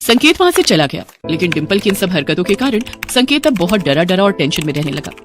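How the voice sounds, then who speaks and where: A woman narrating a dramatic story in an expressive, scripted way. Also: fairly low pitch, brisk, loud music behind the voice.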